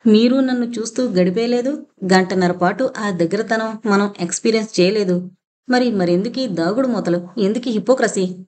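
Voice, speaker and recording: A woman's voice: mid-range voice, normal speed, warm tone, lightly acted. A woman voicing a bold young woman who speaks directly and emotionally. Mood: pleading.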